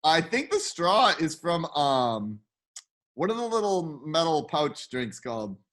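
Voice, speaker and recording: A man co-hosting and producing a casual show, chatting in hurried run-on explanations. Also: on the high side, big pitch swings, fairly bright tone.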